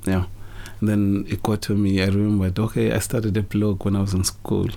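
A young man from Zimbabwe answering interview questions in a relaxed, hesitant way, with many fillers and restarts. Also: on the low side, normal speed, gravelly. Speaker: interview guest, business founder.

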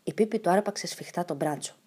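A woman narrating a children's storybook at a calm, even pace. Her reading is clear and steady between the characters' lines. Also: on the low side. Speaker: reader.

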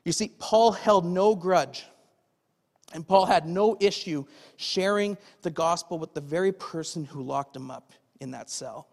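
A pastor preaching a conversational sermon, often checking in with "okay?" and asking the congregation questions. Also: male voice, high-pitched, unhurried, creaky. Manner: asks the audience rhetorical questions. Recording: long hall reverb.

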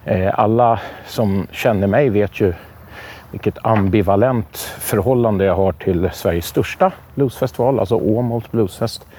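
A man hosting a podcast in relaxed, rambling casual chat, often hesitating. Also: on the low side, husky. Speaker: podcast host.

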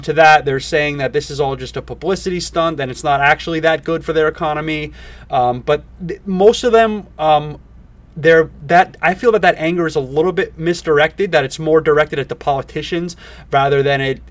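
A man with a somewhat high voice hosts a casual podcast in an eager crypto-bro manner. He speaks haltingly, circling back and padding his points with fillers. The microphone sounds a little distant. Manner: halting, repetitive, filler-heavy delivery. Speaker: podcast host.

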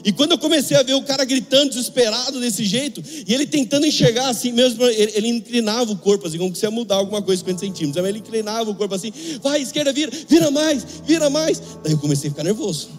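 High-voiced Brazilian preacher in echoing hall. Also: male voice, racing, few pauses, faint music behind. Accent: Brazilian Portuguese. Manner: humorous storytelling with acted dialogue. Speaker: pastor. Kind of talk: sermon.

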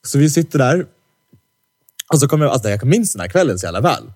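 A young man on a studio mic, chatting casually as a podcast co-host. He spins an animated anecdote, slips into the voices of the people he quotes and teases his co-host along the way. His talk is loose and full of slangy fillers. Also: mid-range voice, husky. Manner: lively storyteller who acts out quoted dialogue; heavy slang fillers, teasing jokes. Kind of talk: casual podcast chat, storytelling. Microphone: studio microphone.

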